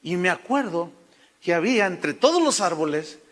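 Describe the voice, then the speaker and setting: High, bright Mexican-accented preacher. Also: male voice, big pitch swings, moderate pace, big-room sound. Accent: Mexican Spanish. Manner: folksy storytelling, addresses listeners as hermano. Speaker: pastor. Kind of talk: sermon.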